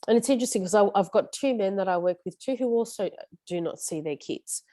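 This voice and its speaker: A woman's voice: medium pitch, quick pace, mellow, no echo. A woman, leading a casual support group session in an earnest, coaching way that often trips over her words.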